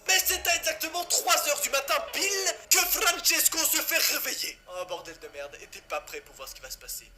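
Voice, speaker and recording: A man's voice: very high voice, big pitch swings, a little fast, few pauses, pushed and bright. A man from France telling a horror story casually, cracking jokes and swearing in asides to the viewer. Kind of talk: casual creepypasta narration. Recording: music playing behind.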